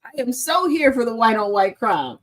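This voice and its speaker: A woman's voice: a little high, sing-song, moderate pace, fairly bright tone. A woman hosting a casual commentary show in a sassy way, often breaking into laughter. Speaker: host.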